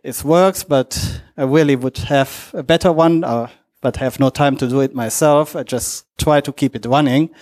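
A man who is not a native English speaker gives a lightning talk presentation in a halting, hesitant way, in short fragments. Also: mid-range voice, a little mellow. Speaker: conference speaker.

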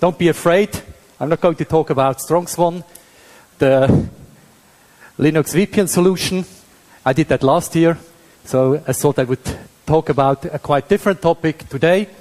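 A man with a Swiss German accent delivers a technical lecture like a professor at a conference. His voice sits a little high for a man, and he speaks haltingly, with long hall reverb around him. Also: darkish tone. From Switzerland. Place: indoor hall at a tech conference.

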